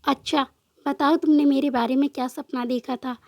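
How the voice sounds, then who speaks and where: A woman voicing a calm young male officer who soothes and gently teases in a storybook love tale. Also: high-pitched, normal speed, no echo, lightly acted. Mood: soothing. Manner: soft, reassuring, lightly joking. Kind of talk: storybook narration with voiced dialogue.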